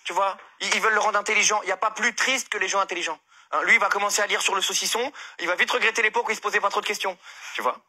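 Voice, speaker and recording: A French comedian tears through his column in a high, husky voice. He sounds bright and cutting, all exasperated mock outrage. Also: steady tone, rapid-fire. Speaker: comedian giving a humor column. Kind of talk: comic monologue.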